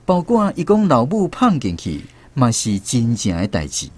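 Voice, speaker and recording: Voicing the storyteller of a radio drama, this Taiwanese-accented man plays an ex-soldier looking back on barracks life with wry reflection. His medium-pitched, somewhat dark voice swings hugely in pitch at normal speed, set against a music bed.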